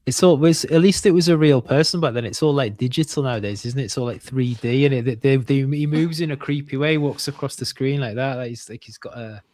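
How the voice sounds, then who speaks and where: A man's voice: mid-range voice, a little fast, hardly any pauses, a little mellow, no echo. A man co-hosting a podcast, speaking in rambling, wry asides, often stopping and restarting mid-sentence. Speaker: podcast co-host. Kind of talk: casual conversation.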